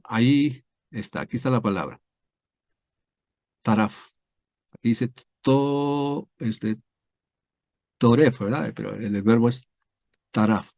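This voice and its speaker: A pastor teaching a Bible study over a video call, explaining step by step with many fillers and tag questions. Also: male voice, medium pitch, darkish tone, no room sound, clean studio sound. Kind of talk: online screen-share Bible lesson.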